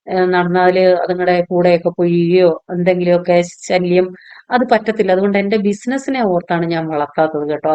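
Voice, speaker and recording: A woman with a smooth, fairly low voice narrates her home vlog in a homely, talkative way, often ending sentences with a friendly tag. The sound is dry and a little muffled. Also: warm tone, no room sound. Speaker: vlogger and home pickle maker. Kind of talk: chatty voice-over vlog narration.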